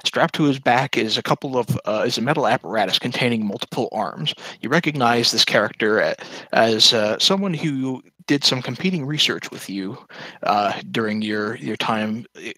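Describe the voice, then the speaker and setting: A man narrating a tabletop game as game master, with a halting delivery full of fillers. His voice is husky and bright. It is recorded close and dry. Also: medium pitch, dry recording, poor audio.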